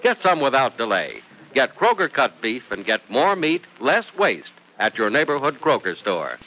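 A man's voice: mid-range voice, huge pitch swings, moderate pace, bright, forceful tone, rough recording. A man speaking as an old radio announcer, reading scripted narration and ads with emphatic, dramatic salesmanship. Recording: old radio broadcast recording.

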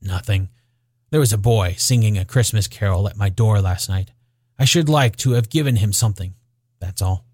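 A man playing an emotional, sentimental old miser softened by memory in a storybook reading. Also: medium pitch, moderate pace, slightly rough, no echo, studio quality, close to an everyday voice. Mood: rueful. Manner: emotional, exclamatory, muttering when rueful.

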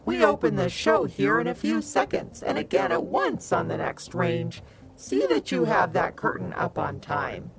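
A woman putting on a booming, bossy dragon boss. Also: wildly swooping pitch, unhurried, vocal fry, faint music behind, exaggerated voice. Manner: loud, bossy and barking. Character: booming, cross dragon boss with big ears.

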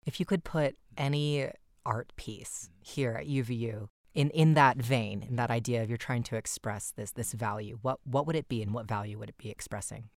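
A mid-pitched podcast host speaks first from a script, then asks questions casually and earnestly. The voice sits close to a dry mic with no room echo. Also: moderate pace, few pauses.

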